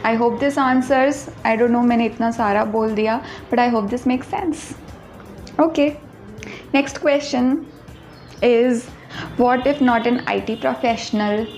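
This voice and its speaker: A woman's voice: a little high, very slow, a little mellow, soft background music. A woman, chatting casually in a birthday Q&A vlog and mixing Hindi with English, self-deprecating and talkative. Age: 20s. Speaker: YouTuber answering viewer questions.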